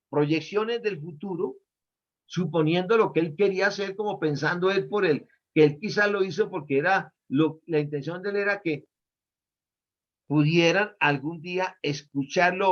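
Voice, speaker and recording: High-voiced pastor teaching grammar. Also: male voice. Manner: didactic, quizzes listeners on verb tenses. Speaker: pastor teaching a Bible study. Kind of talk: Bible study lesson with questions to students. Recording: dull lo-fi recording.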